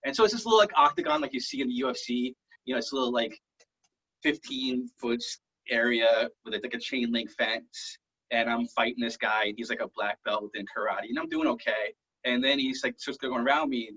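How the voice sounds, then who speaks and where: A man doing a halting, rambling stand-up set over a video call, full of fillers. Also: mid-range voice, sharp tone, husky, muffled recording. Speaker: stand-up comedian.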